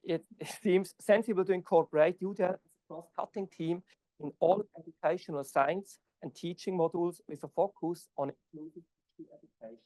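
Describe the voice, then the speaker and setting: A Swiss man presents at an academic conference in a hall, taking questions afterward, his non-native English halting and full of fillers. His voice is high-pitched and mellow, captured in a dry but poor-quality recording.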